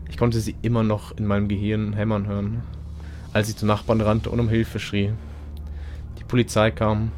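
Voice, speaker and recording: A man reading a first-person horror story aloud for a podcast, in an even, low-key storytelling manner. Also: slight background noise. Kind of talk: scripted horror narration.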